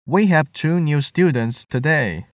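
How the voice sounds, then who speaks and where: A man reading English listening-test items clearly and deliberately, repeating each sentence. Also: on the high side, lively intonation, no room sound, clean studio sound.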